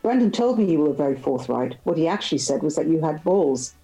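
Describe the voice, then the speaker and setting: A polished, self-assured young tycoon in a novel reading, all easy charm, as a woman reading aloud gives his lines. The voice sits low and mellow, with a faint bed of music underneath. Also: lively intonation, a little fast, low-quality recording. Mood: amused. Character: suave confident young male tycoon.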